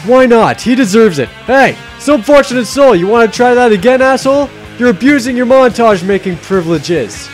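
A man's voice: on the high side, lively intonation, moderate pace, soft background music, close to an everyday voice. A man voicing a boastful, sarcastic, short-tempered adventurer in a parody game dub, with theatrical exasperation. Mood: indignant.

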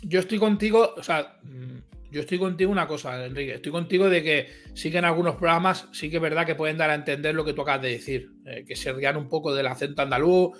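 A man's voice: on the high side, fast talker, hardly any pauses, a bit bright, faint music behind. A man in a casual live chat, talking in a chatty, slangy way with many restarts.

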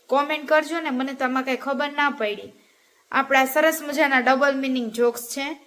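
A woman's voice: high voice, fairly bright tone. A woman from Gujarat, telling cheeky jokes in a chatty, teasing monologue and talking straight to viewers. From Gujarat, India. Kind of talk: casual joke-telling monologue.

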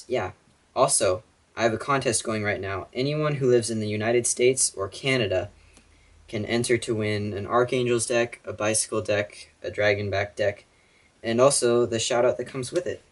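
Young male card magician, lowish voice, casual step-by-step demonstration patter. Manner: casual patter, often checking with "okay?". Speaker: card magician and video host.

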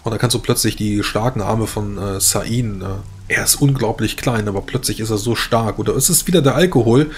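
A man's voice: lowish voice, a little fast, hardly any pauses, slight background noise. A man narrating as game master of a tabletop game, hesitant with many fillers.

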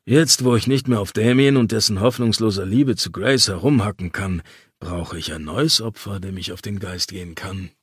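Man doing a teasing crude buddy, audiobook, husky, dry studio sound. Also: on the low side, moderate pace, no echo. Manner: mocking, cheeky. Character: teasing crude young man, cocky friend.

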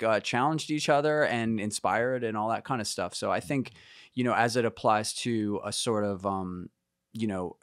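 A man's voice: mid-range voice, fairly bright tone, no room sound, studio quality. A man in his fifties talking as a guest musician in a casual interview, reflective and meandering, with many fillers and restarts.

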